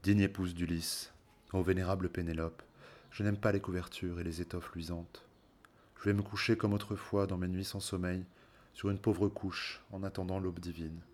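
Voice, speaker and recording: A man voicing a disguised older king who speaks slowly and solemnly in formal phrases. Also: low-pitched, flat delivery, darkish tone. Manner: slow, solemn, formal speech.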